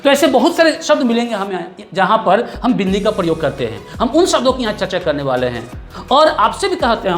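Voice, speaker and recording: A man's voice: sits high, fairly bright tone. A man teaching a grammar lesson, explaining patiently, repeating key terms and checking in with the class. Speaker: Hindi teacher.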